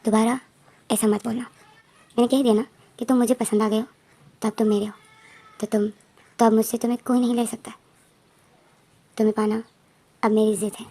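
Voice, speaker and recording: A woman voicing a possessive, menacing young male student who talks in a soft, smug, threatening way, in a plainly read story. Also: on the high side, flat delivery, fairly quick, pauses often.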